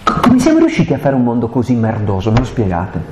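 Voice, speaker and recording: A man's voice: medium pitch, wildly swooping pitch, fast, dull audio. A man giving a live catechesis talk on a Bible passage, impassioned and colloquial, firing off rhetorical questions. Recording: echoey live room recording, faint background hiss.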